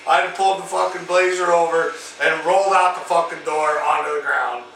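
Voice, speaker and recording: A man hosting his own vlog who tells a story casually, in a loud, profane, laughing rant. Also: fairly high pitch, steady tone, brisk, creaky. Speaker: vlog host. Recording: echoey room, distant mic, faint hum.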